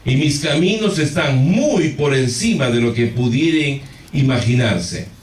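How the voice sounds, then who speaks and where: A man's voice: medium pitch, animated, measured pace. A man pastor preaching a sermon, telling a story with animation and speaking straight to the congregation. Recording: echoey hall, far from the mic.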